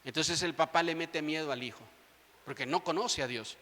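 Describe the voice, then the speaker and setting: A man in his thirties preaches a sermon from the pulpit, addressing his congregation directly and building to fervent appeals. His voice sits high and sounds bright and forceful. Long reverb rings through the large church hall. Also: normal speed. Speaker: pastor.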